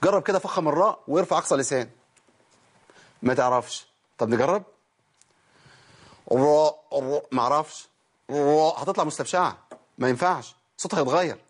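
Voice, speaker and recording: An Egyptian Arabic-accented man leads a broadcast recitation lesson, worn out but talking quickly. His voice is husky and sits a little high, and he breaks his explanations down step by step, demonstrating sounds and quizzing his listeners. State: tired. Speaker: Quran recitation teacher. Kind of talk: televised tajweed lesson.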